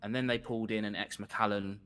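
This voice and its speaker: Chatting casually over a video call, an English guest reviewer is enthusiastic, restarting often, repeating words and leaning on plenty of fillers. He talks fast in a lowish, smooth voice that holds a steady tone and sounds fairly bright.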